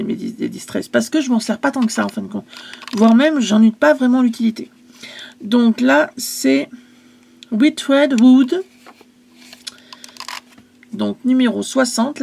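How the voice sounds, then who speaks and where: A woman's voice: a little high, gravelly, a little mellow, a little hiss or hum. A woman casually selling her craft supplies in a vlog, chatty and hesitant, stumbling over English product names.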